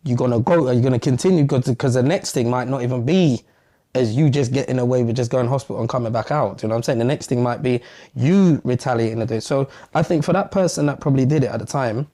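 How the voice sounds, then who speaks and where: Mellow-voiced young man, rambling reflectively. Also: medium pitch, fast. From London. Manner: rambling, reflective, fillers like "do you know what I'm saying". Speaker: podcast co-host as guest. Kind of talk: casual podcast conversation.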